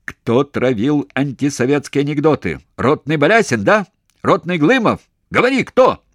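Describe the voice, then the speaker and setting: A man's voice: low voice, very animated, slow pace, no echo, clean studio sound, exaggerated voice. A man voicing a cruel military interrogator who bullies and screams at a prisoner. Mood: screaming. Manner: cold hissing, then screaming.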